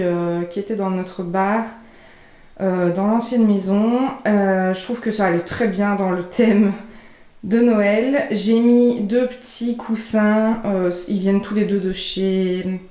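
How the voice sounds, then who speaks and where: A young woman walks through her home, showing things in a chatty, unscripted way. Her voice sits at an ordinary middle pitch, and she pauses now and then to find a word. The sound carries a roomy echo, as in a bare room at home. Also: steady tone, dark tone. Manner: chatty, often searching for words while showing things. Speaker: home decor vlogger. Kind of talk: casual house tour. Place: indoors at home, walking room to room.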